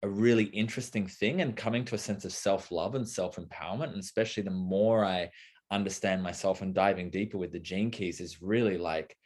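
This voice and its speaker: A young adult man co-hosting a live talk speaks in a fairly low, slightly mellow voice. Casual and thoughtful, he rambles conversationally, full of fillers and restarts.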